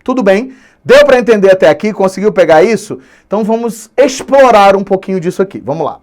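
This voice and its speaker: A male Brazilian Portuguese teacher giving an online grammar lesson, animated and drawing out key words slowly for emphasis. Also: sits high.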